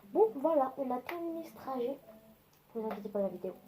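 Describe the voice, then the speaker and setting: A woman's voice: sits high, animated, fast, dark tone, a little hiss or hum, low-quality recording. A woman giving casual, chatty gameplay commentary, swearing freely and talking straight to her viewers. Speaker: gaming video creator.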